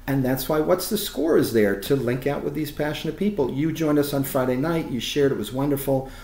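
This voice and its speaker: A man's voice: medium pitch, brisk, roomy sound, a little hiss or hum. A man, a guest who organizes film location tours, talking in an enthusiastic, expansive interview manner. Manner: animated and expansive, rising emphasis.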